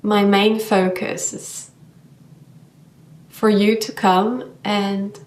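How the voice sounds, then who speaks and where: Female yoga teacher, vlog monologue, unhurried and searching for words, sits back from the mic. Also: mid-range voice, flat delivery, reverberant, distant mic, a little hiss or hum. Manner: slow, thoughtful, searching for words.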